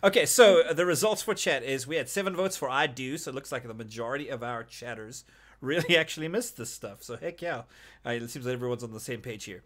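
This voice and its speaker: Talking fast in a medium-pitched, slightly bright voice, this podcast co-host joins a casual gaming panel chat and keeps repeating himself and starting his phrases over.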